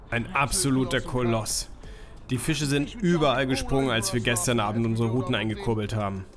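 A man in his thirties narrating a carp fishing travel vlog, speaking with enthusiasm and exclaiming over big fish. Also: medium pitch. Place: outdoors by a lake.

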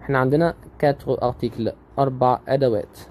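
A man with an Egyptian Arabic accent teaching French grammar online, patiently repeating each word slowly. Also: mid-range voice, fairly even intonation, a little mellow.

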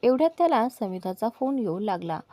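A woman's voice: fairly high pitch, big pitch swings, fairly quick, warm tone, dry recording. A woman narrating a romance story in a conversational storytelling style, with small hesitations.

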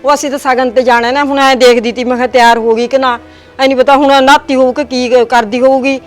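A woman's voice: high voice, steady tone, fast talker, faint music behind, lightly acted. A woman playing a stubborn older village mother, insistent and complaining. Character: stubborn old village mother set on visiting. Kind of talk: village short film acting.

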